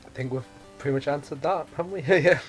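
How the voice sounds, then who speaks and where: A man co-hosting a casual podcast chat, explaining at length, thinking out loud and correcting himself. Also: fairly high pitch, fast, faint music behind. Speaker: podcast co-host.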